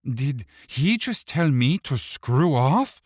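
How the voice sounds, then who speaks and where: A man's voice: fairly low pitch, expressive, slow, darkish tone, no room sound, clean studio sound, voice pushed up. A man voicing a small, wiry male thief who taunts his captive in a mocking, sing-song way and hides a psychotic rage.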